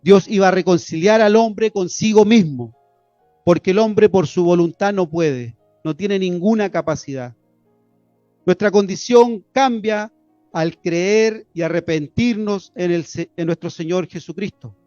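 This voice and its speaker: Earnest high-voiced man preaching a sermon. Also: a little slow, darkish tone, no room sound, muffled recording, faint music behind. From Chile. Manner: earnest, repeats phrases, addresses listeners as brothers. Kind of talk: expository sermon.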